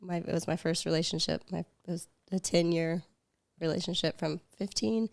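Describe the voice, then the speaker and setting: Female podcast guest, gravelly lowish voice, dry close mic, easygoing short replies. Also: normal speed, no room sound. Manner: relaxed, short answers, laughs easily. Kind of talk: casual chat.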